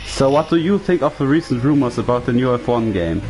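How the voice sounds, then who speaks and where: In a fairly quick, a little mellow mid-range voice with lively intonation, a German-native man leads sim racing commentary in English. He keeps it chatty and steers by questioning his co-host, while faint music plays underneath.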